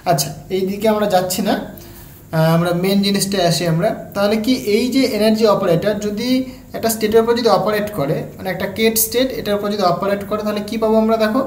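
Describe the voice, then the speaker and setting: A woman's voice: medium pitch, darkish tone. Bengali-accented woman teaching physics, echoey room. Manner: explains slowly step by step, checks in with "right?". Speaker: physics tutor. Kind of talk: exam-prep lecture. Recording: echoey room, faint background hum.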